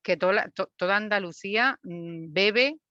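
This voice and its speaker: A woman's voice: medium pitch, moderate pace, sharp tone, no echo. A woman hosting and interviewing on a video call, asking questions with hesitant, repeated words. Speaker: event host and interviewer. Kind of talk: moderating an online talk. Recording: dry lo-fi video call audio.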